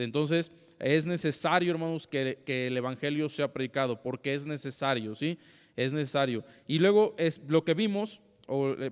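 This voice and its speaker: Reverberant preacher teaching brothers. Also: male voice, a little high, clean tone. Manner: conversational, often asks "¿sí?" and addresses "hermanos". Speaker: Bible class teacher. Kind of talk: church Bible lesson. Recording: long hall reverb.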